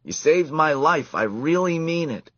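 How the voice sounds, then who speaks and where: A man voicing a small, excitable male mouse in a storybook reading, with an eager, squeaky manner. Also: a little slow, no room sound. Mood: grateful. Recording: dull lo-fi dry recording.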